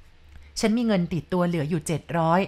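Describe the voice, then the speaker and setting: A woman voicing a frightened older mother who pleads slowly and earnestly with ghosts in a told story. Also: lowish voice, darkish tone, lightly acted.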